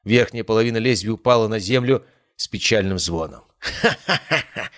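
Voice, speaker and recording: A man reading a first-person fantasy story aloud in a steady, measured way. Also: fairly low pitch, no echo. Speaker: audiobook narrator.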